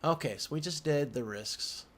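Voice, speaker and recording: Typing and clicking can be heard behind a man whose voice is a little high and fairly bright, at a moderate pace. He's an instructor sitting indoors at a computer, recording a casual, unscripted screen walkthrough and murmuring his thoughts aloud as he works.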